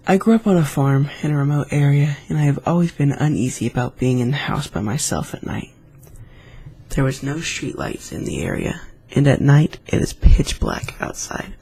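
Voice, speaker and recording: A man's voice: fairly high pitch, normal speed, gravelly, warm tone, husky. A man casually reading scary stories aloud, with chatty, rambling asides between them. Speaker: YouTube storyteller.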